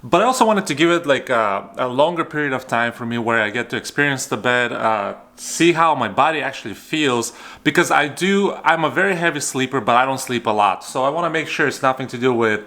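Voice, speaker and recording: A man's voice: mid-range voice, expressive, fairly quick, bright, forceful tone. Chatty man in his thirties reviewing. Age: 30s. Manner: chatty, rambling with many fillers and restarts. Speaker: vlogger. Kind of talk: casual product review. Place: home apartment bedroom.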